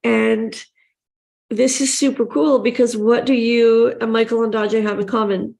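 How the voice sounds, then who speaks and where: A woman's voice: on the high side, little pitch movement, a little slow, gravelly, a little mellow. A woman interviewing a guest in a casual, upbeat and enthusiastic way.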